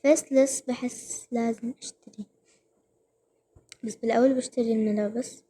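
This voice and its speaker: A young woman, giving excited gameplay commentary and repeating words rapidly when thrilled. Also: fairly high pitch, slight background noise. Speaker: gaming vlogger.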